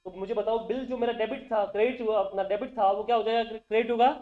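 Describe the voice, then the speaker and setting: A male accountancy teacher with a high voice talks fast, with fairly even intonation, in a classroom lecture. He keeps quizzing the class with call-and-response questions and repeating terms back, in a dull, roomy recording with faint music behind.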